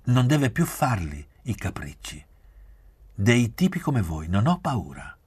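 A man's voice: deep voice, normal speed, a little mellow, slightly rough, no room sound. A man reading aloud, putting on the voice of a temperamental, imperious young woman who speaks sternly. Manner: stern, commanding.

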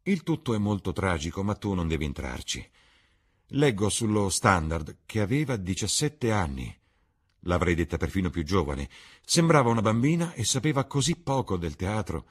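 A man voicing a worldly, cynical male aristocrat, calm and persuasive, in an audiobook reading. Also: low-pitched, moderate pace, husky, exaggerated voice. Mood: smooth. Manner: suave, composed, persuasive.

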